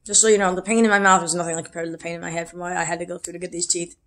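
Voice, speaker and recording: A woman's voice: lowish voice, little pitch movement, rapid-fire, fairly bright tone. A woman, chatting frankly in a rambling video diary while wearing new dentures, her fingers at her mouth. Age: 40s. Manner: frank, rambling, self-deprecating. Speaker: vlogger.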